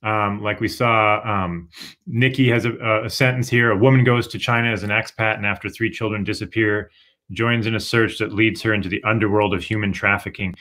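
A young male writing instructor co-teaches an online workshop from a room at home over a webcam video call, patiently explaining things and hedging with "sort of" and "kind of." His fairly low voice is steady in tone, bright and pushed, and a little fast.

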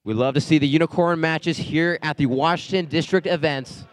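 A man announcing a robotics competition, giving steady live play-by-play of team numbers and scores at the event venue. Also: on the high side, normal speed. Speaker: match announcer.

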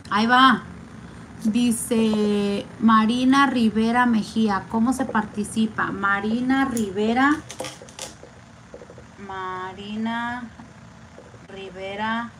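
A woman vlogger holding a giveaway raffle, chatting casually and slowly drawing out each name she reads. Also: fairly high pitch, fairly even intonation, fairly bright tone, slight background noise, low-quality recording. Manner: slow, chatty, drawn-out name reading. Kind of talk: casual live raffle chat.

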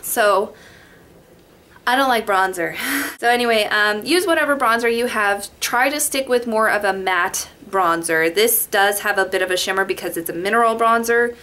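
Her voice sits at medium pitch and normal speed, sounding pushed and bright. A young Las Vegas beauty vlogger, she rambles chattily through a makeup tutorial, speaking into a front-mounted webcam in her home bedroom.

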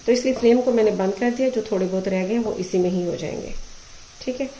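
A woman, hosting a cooking show, calmly talking through a recipe step by step. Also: mid-range voice, fast, slight background noise, poor audio. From Pakistan. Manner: calm, methodical, checks in with "ठीक है". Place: home kitchen. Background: frying and stirring sounds.

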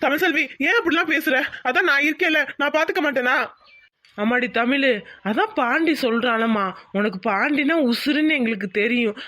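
Woman doing a loyal young male friend, coaxing, high-pitched, dry close mic, cartoon. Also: fairly bright tone, no room sound. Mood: soothing. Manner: coaxing, urging. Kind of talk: cartoon voice acting.

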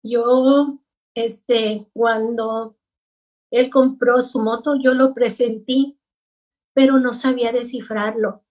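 A middle-aged woman, a grieving mother, telling her story slowly and haltingly in an interview. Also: on the high side, fairly even intonation, a little mellow, far from the mic. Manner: slow, halting, heavy with grief. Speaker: guest, bereaved mother. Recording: voice from away from the mic.

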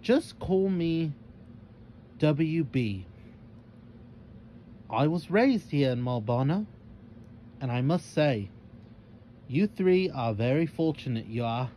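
A mysterious ghostly old man, put on by a male storyteller, speaks in solemn, archaic phrases. His voice stays mellow and unhurried, heavy with regret. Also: on the high side, expressive, slight background noise, voice pushed up.

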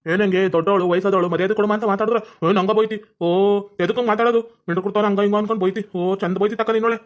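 A man's voice: high voice, fairly even intonation, fast talker, natural voice. A person playing a brash young village man, a grandson, in a comedy sketch, bossy.

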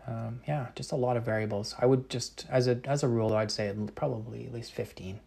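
A thirties-aged Canadian painter casually takes live-chat questions in a gravelly, medium-pitched voice with a breathy edge, speaking fairly quickly. He thinks aloud, full of ums and restarts, and enunciates some words very precisely.

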